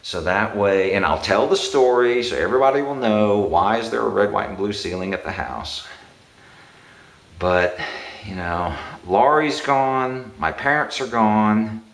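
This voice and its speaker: A man tells a family story to the camera in a bare room that rings with echo. His voice sits fairly low but swoops around a lot. He rambles, chuckles, and gets animated when he quotes people. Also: a little slow, gravelly. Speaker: homeowner documenting a room.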